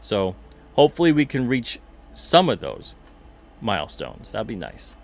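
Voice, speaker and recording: A man's voice: on the low side, huge pitch swings, a little slow. A man hosting a casual livestream, chatting loosely, repeating himself and reading out viewer comments. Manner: chatty, rambling, repeats himself, reads chat comments aloud. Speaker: podcast host and comic publisher.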